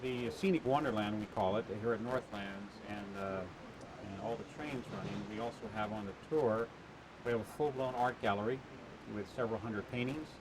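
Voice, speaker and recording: A man answering interview questions about the attraction he built, halting with many "uh" fillers and restarts, heard on a worn tape copy. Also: fairly low pitch, background noise. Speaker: attraction owner being interviewed.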